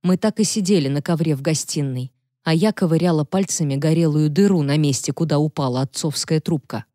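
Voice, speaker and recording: A woman narrating a novel in a calm, even storytelling manner. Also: deep voice, a little fast, dry recording, clean studio sound. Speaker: audiobook narrator. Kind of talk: scripted narration.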